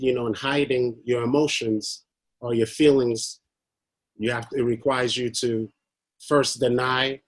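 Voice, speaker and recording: A man's voice: mid-range voice, no echo. A man from Haiti giving a prepared talk on a video call, hesitant and a little nervous, with many fillers. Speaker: guest speaker.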